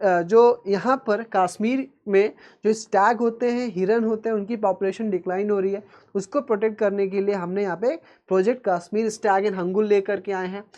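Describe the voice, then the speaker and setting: A man teaches in the style of a classroom video lesson and addresses his students affectionately as "beta." He keeps checking in with "theek hai" and slows down deliberately whenever he shifts into English phrases. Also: sits high, a little mellow. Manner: mixes Hindi with slow, careful English phrases.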